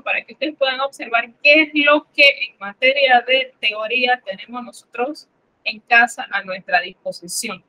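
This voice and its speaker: A woman's voice: fairly high pitch, pushed and bright, rough recording. A woman teaching a French lesson in Spanish, explaining patiently and repeating examples for her students. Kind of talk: classroom lesson.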